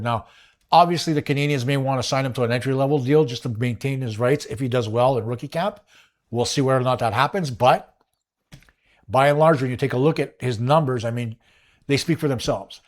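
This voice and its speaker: A man hosting a solo hockey analysis show, talking in an analytical, emphatic way and laying out his points step by step. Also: on the high side.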